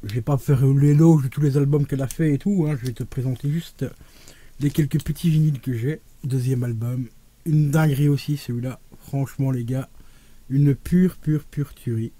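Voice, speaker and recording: A man chatting casually and enthusiastically to his viewers as he shows off his vinyl collection, talking to them like friends. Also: normal speed. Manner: animated, with sudden rises and drops in pitch and loudness. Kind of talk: casual unboxing vlog.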